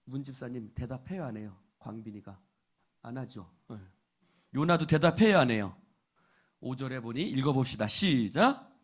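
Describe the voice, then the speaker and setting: A male pastor giving a sermon at a church service, dramatically acting out voices and firing questions at the congregation, swinging between loud exclamations and quiet asides. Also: medium pitch, lively intonation, normal speed.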